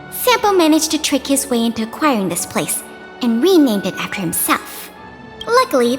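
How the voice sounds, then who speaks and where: A woman's voice: high voice, fairly bright tone, big-room sound. A woman voicing a polite, chirpy young hotel receptionist in a video game, with a promotional manner.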